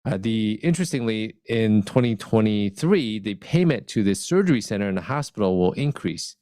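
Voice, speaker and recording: A man in casual technical chat as a urology co-host, pausing often with "uh", over a crackling microphone that cuts in and out. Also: lowish voice, lively intonation, warm tone, no room sound, clean studio sound. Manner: halting, with many "uh" pauses. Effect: crackling microphone cutting in and out.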